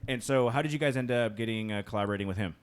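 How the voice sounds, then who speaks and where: A man's voice: medium pitch, very fast, smooth. A man hosting a live podcast in a small stuffy room, chatting loosely with plenty of fillers. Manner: loose, rambling, many fillers. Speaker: podcast host. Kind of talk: casual live podcast chat.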